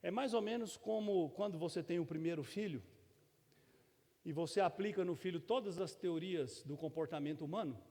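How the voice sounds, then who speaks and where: In a church sanctuary, a middle-aged Brazilian man delivers a sermon as pastor in a high, warm voice at normal speed. He keeps it folksy and chatty, slipping in bits of humor and plenty of tag questions, all wrapped in long church reverb.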